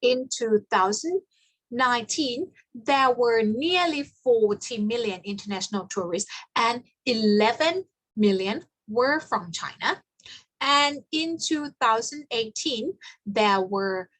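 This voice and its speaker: At an academic conference, a Thai researcher whose first language is Thai presents her study in a measured, explanatory and slightly formal way. Her voice is fairly high and fairly bright, and the sound is dry and close, with no room echo.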